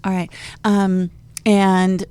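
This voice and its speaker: A woman's voice: medium pitch, little pitch movement, very slow, darkish tone, clear, resonant tone. A woman hosting a radio talk show in a studio, chatting casually and rambling with light jokes. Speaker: show host. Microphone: studio mic with headphones.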